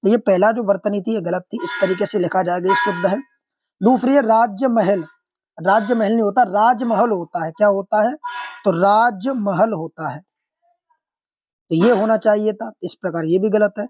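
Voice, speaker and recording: A man's voice: sits high, normal speed, darkish tone, dull audio. A man teaching an online exam-prep lesson, explaining answers step by step, putting questions to viewers and calling them friends.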